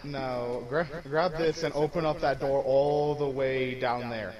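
A man's voice: mid-range voice, steady tone, unhurried, lo-fi sound. A man in casual gaming chat, guiding a friend through a map, giving instructions and swearing casually.

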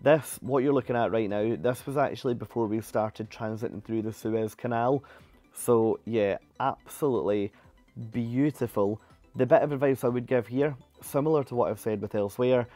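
A man's voice: medium pitch, warm tone, dry recording. A young man narrating a cruise ship tour in a chatty, enthusiastic way, often repeating words for emphasis.

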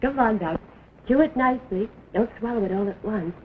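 An actress playing a doting woman who coos and laughs softly while caring for a little girl, in early talkie film acting. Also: fairly high pitch, brisk, narrow, tinny audio, close to an everyday voice. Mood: tender. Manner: cooing, soft and laughing. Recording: scratchy 1920s film sound, hissy.

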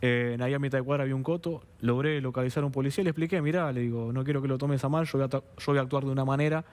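Racing along in a steady, darkish mid-range voice, this Argentine guest on a TV studio interview tells his story with vehemence in Buenos Aires Spanish. He acts out the quoted lines and repeatedly asks "understand?".

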